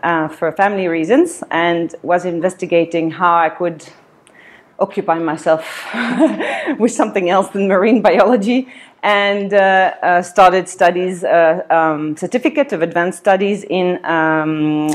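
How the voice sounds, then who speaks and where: A woman's voice: on the low side, a little slow. A woman from Switzerland giving a seminar talk in a meeting room, with many ums and uhs, filmed by a camera across the room. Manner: many fillers, hesitant, laughs often. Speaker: seminar speaker. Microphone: far camera.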